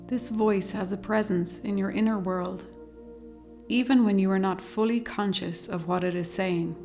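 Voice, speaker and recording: Soothing and measured, a woman's medium-pitched voice moves slowly and calmly through a guided meditation, broken by long pauses. She's accompanied by meditation music featuring singing bowls.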